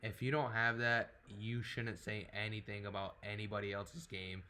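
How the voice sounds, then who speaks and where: A man hosting a podcast in a fairly low voice. He keeps the casual chat easygoing, agreeing often and filling pauses with "uh" and "um.". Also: flat delivery, sharp tone. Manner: easygoing, agreeing, with many fillers. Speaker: podcast host.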